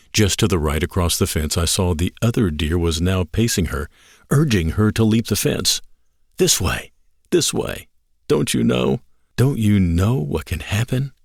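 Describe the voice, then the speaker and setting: Guy reading a story out loud, low voice, dry close sound, measured n dramatic. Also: creaky, dry recording. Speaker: narrator. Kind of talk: expressive narration of a written story.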